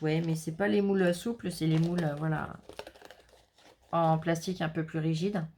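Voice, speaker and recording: A woman's voice: fairly low pitch, slight background noise. A woman chatting casually and rambling through a crafts haul, with self-mocking asides. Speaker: crafts vlogger.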